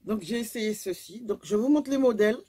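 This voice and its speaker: A woman's voice: on the high side, brisk, dark tone, breathy edge. A woman, casually chatting through a clothing haul video and rambling with lots of fillers. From Guadeloupe. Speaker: vlogger.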